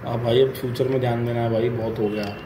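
A man's voice: mid-range voice, flat delivery, fast, noisy background. A young man in his twenties, vlogging casually and joking with viewers while touring his college and a gym. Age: 20s. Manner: joking, chatty, talks to viewers. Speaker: fitness vlogger and college student. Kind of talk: casual vlog chat. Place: college building and gym, indoors. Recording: echoey rooms with music behind.

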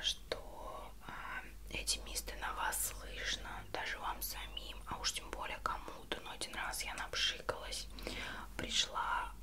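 A woman in her twenties speaking in a soft breathy ASMR whisper, rambling and self-ironic as she chats through a product review, often searching for words. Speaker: ASMR beauty vlogger. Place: small bedroom at home, indoors.

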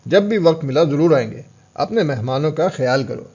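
A man's voice: fairly high pitch, lively intonation, darkish tone, slightly rough. Brief: man reading a haughty merchant, curt and offhand, dull-sounding storybook audio. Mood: aloof. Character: proud wealthy male merchant, aloof.

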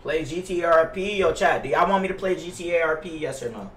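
The voice here sits on the high side and is a bit bright, belonging to a fast-talking young American man in his twenties. He's a game streamer in his home gaming room, casually chatting and griping over and over with slang and swearing. The sound is roomy and the mic seems distant, despite being a headset.

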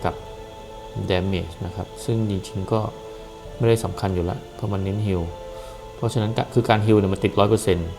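A man casually explaining a game's character class and skills, relaxed and hesitant, with frequent pauses and fillers. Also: deep voice, vocal fry, music in the background, low-quality recording. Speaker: gameplay commentator. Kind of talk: casual game walkthrough.

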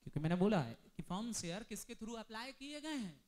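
A man's voice: high-pitched, big pitch swings, a little mellow. Male commerce tutor, classroom lecture, quizzes the students nonstop. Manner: drills students with rapid questions; mixes Hindi with English terms. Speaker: commerce teacher.

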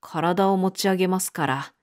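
A woman's voice: lowish voice, moderate pace, close to an everyday voice. A woman reading the lines of a solemn male doctor in a storybook. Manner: grave, solemn.

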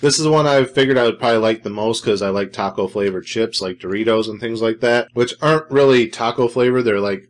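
A man's voice: lowish voice, quick pace, hardly any pauses. Dry-humored man reviewing snacks. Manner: dry, sarcastic, rambling with fillers. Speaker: food reviewer host. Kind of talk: casual food review vlog.

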